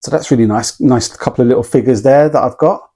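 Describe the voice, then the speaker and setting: A man's voice: mid-range voice, fast, warm tone. A man in a casual vlog, chatting and telling a story with plenty of ums and small laughs. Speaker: vlogger.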